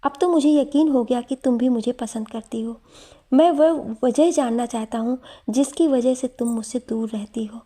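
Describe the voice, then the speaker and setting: A woman voicing a lovestruck, playful young male professor in a read-aloud story, with a warm, breathy voice. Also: on the high side, moderate pace, lightly acted. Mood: pleading. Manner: teasing, pleading. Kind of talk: storytelling narration.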